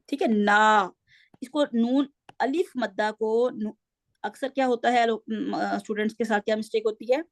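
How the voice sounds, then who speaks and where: A woman's voice: a little high, fairly even intonation, creaky, darkish tone, no room sound, clean studio sound. A woman teaching a Quran reading class online, patiently correcting her students step by step and speaking into a computer mic on a video call.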